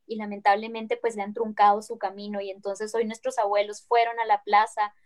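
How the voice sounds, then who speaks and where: A woman's voice: mid-range voice, little pitch movement, fairly quick. A woman with a Guatemalan Spanish accent, a guest speaking earnestly and reflectively in an interview, often tagging her phrases with a questioning "no". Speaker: guest activist. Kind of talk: conversational interview.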